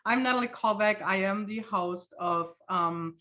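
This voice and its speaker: Speaking with a mid-range, bright, forceful voice at a slightly slow pace, a German-accented woman from Germany runs an art webinar by video call from her home studio. She's casual and chatty as host, full of fillers and laughter.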